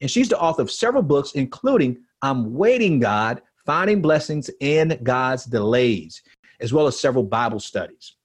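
Expressive, husky man hosting a podcast. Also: medium pitch, normal speed. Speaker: podcast host. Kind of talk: upbeat scripted podcast hosting.

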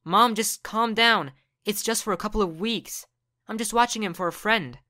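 A woman's voice: medium pitch, normal speed, sharp tone, no room sound, clean studio sound, voice pushed up, close to an everyday voice. A woman voicing a frightened teenage boy who pleads with and protests to his mother. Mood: pleading.

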